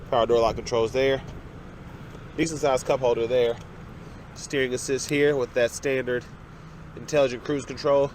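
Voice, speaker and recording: A young male car reviewer with a medium-pitched voice, still shaking off a cold, narrates a casual walkaround of a parked car outdoors, pointing out its features. There's slight background noise.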